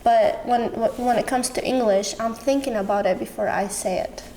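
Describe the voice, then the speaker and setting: On a low-quality recording with a bit of hiss or hum, a woman from Syria talks informally and expressively as a guest in a casual personal podcast interview. She speaks Arabic natively and has a Syrian Arabic accent. Her mellow voice sits on the high side, with fairly even intonation and a moderate pace.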